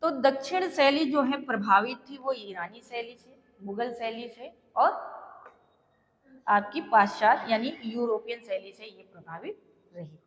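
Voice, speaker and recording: A woman teacher giving a slow, repetitive exam-prep lecture, pausing often to check that her students are following. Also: on the high side, animated, in a large hall, lo-fi sound.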